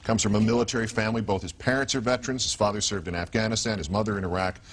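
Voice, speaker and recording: Male news host, low-pitched and rapid, formal wordy delivery, some background noise. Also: steady tone. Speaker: interview show host. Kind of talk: news commentary and interviewing.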